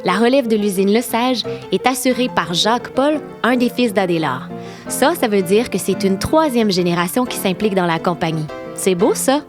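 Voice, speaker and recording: A Québécois woman narrates a walking tour in a close-miked voice-over, pitched in the middle range. She sounds playful and enthusiastic, tossing teasing asides to her listeners, while faint music plays underneath. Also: lively intonation, moderate pace. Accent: Québécois French. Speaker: podcast host and tour guide.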